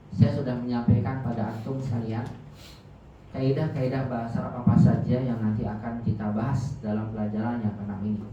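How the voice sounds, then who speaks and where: With a dark, mid-range voice and slight hiss or hum, a man teaches in a reverberant mosque, opening his religious class by formally reciting Arabic prayers amid Indonesian. He is an Arabic teacher, captured muffled by a distant microphone.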